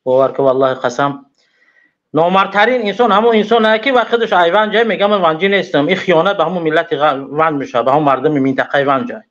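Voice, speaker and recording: A man's voice: a little high, a bit bright. Agitated male caller on muffled line. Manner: agitated and insistent. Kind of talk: phone-in talk.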